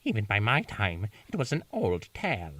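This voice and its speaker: A man's voice: fairly low pitch, huge pitch swings, normal speed, fairly bright tone, far from the mic, heavily acted. A man voicing a regal, ancient female pony princess, reading her lines in a stately, raised voice. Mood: solemn.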